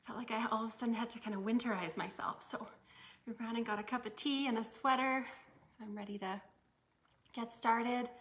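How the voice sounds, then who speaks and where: A woman, possibly in her thirties, hosting a weekly live series from home, a bit out of breath and talking in a relaxed, chatty way with soft laughs. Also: fairly high pitch. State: a little out of breath. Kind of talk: casual live-stream talk.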